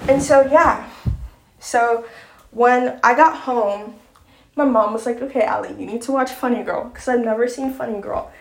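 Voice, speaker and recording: Speaking in a rather high voice, a young woman from Long Island, New York, keeps up a chatty, rambling vlog conversation packed with fillers. There is slight background noise, and the room echoes.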